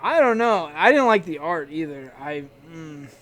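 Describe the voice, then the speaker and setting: A man's voice: a little high, very animated, normal speed, a bit bright. A man hosting casual weekly comic reviews, chatty and hesitant, restarting sentences and calling out emphatic verdicts. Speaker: comic shop review show host.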